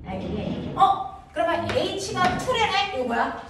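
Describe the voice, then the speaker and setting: High-voiced woman teacher, echoey classroom. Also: sing-song. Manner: asks quick check questions, playful. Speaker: middle school science teacher. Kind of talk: classroom lesson with call-and-response questions. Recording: echoey room, distant mic, background noise.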